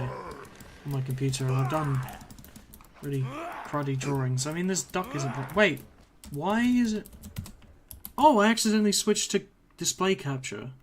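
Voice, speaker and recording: Sitting at his home computer, a man with a voice on the high side chats aimlessly while streaming a game, hesitating, leaning on fillers and letting sentences trail off mid-thought. Long talking has left his voice slightly strained, and background noise is audible.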